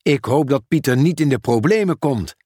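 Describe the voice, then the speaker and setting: A man's voice: mid-range voice, lively intonation, moderate pace, dark tone, husky, no room sound, studio quality. A man voicing a worried but obliging caretaker in a storybook reading. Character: worried kindly adult male caretaker.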